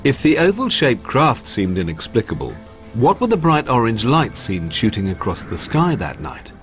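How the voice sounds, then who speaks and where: Lively documentary narrator man. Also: mid-range voice, normal speed, soft background music.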